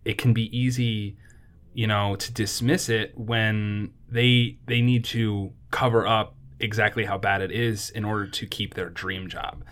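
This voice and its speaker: A man's voice: lowish voice, unhurried. A man co-hosting a video game review podcast, chatting casually with fillers and frequent laughs. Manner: relaxed, laughs often, trails off with fillers. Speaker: podcast co-host.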